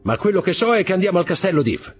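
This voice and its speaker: A man reading aloud voices a calm, wry male gendarme who answers in slow, dry replies. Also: high-pitched, breathy edge, faint music behind, voice pushed up, exaggerated voice.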